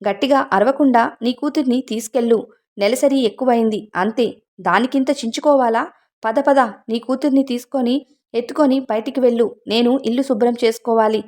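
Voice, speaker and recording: A woman's voice: a little high, moderate pace, darkish tone, lightly acted. A woman voicing a harsh middle-aged female employer who talks in a curt, scolding way.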